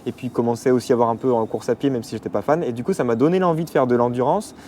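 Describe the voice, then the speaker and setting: Young man from the Paris region, quick casual guest talk full of fillers, faint noise behind. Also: mid-range voice, dark tone. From Paris region, France. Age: 20s. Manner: rapid, hesitant with many fillers. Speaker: athlete guest. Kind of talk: casual interview.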